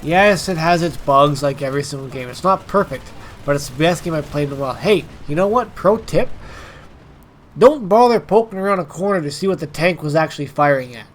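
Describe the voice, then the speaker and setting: A man with a congested, stuffed-up nasal voice from allergies, hosting informal, emphatic gameplay commentary straight to his viewers. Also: on the high side. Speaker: gaming video host.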